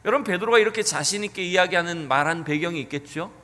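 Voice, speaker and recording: A male pastor preaches a sermon earnestly in a church sanctuary, asking the congregation rhetorical questions. His voice is high-pitched, fast, and sharp, and the church hall gives the recording a long reverb.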